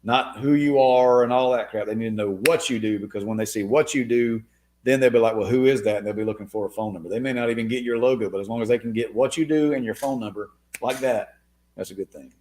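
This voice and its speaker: A man's voice: mid-range voice, fast, a little mellow, slight background noise. A man hosting a casual live Q&A stream, answering viewer comments in a laid-back way and calling listeners man and dude. His voice is wearing thin. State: losing his voice.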